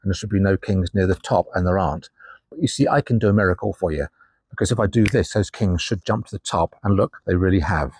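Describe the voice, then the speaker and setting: An older man with a very low, husky voice talks through card tricks to the camera in a relaxed, chatty patter. His sound is dry and close, with no room echo. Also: fast talker. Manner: chatty, patter-filled with ums and asides. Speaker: magician. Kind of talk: casual card trick demonstration. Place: indoors at a table, facing a camera with a monitor.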